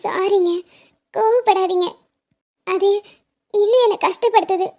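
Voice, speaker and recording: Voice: very high-pitched, a little slow, darkish tone. A woman voicing an anxious, devoted young woman in a cartoon love story, talking in a pleading, emotional way. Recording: dull lo-fi cartoon audio.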